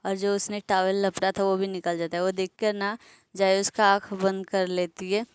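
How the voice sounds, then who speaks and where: A woman's voice: mid-range voice, level tone, moderate pace, clear, resonant tone, dry recording. A woman casually retelling an anime episode, chatty and laughing along, talking straight to her viewers. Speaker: anime recap narrator. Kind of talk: casual spoken story retelling.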